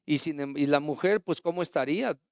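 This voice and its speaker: Man preaching a clear sermon. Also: a little high, brisk, dry recording, studio quality. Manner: storytelling with acted quotes and rhetorical questions.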